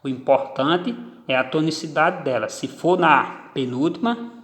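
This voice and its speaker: Man, teacher, grammar lesson, slightly high voice, deliberate stressed example words, reverberant room. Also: fairly bright tone. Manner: slow, deliberate, stresses each example word. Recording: echoey room with long reverb.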